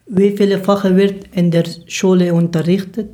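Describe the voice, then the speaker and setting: Flat, mellow-voiced woman. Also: mid-range voice. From Afghanistan. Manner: careful, measured learner's German. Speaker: podcast host. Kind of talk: scripted interview, read questions.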